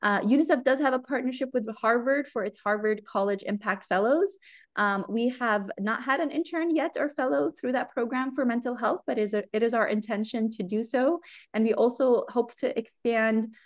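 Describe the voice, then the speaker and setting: A Lebanese American woman in her thirties, fairly high-pitched and moderately paced, answers seminar questions as a guest speaker over a video call from a home room. She's earnest, with many ums and restarts.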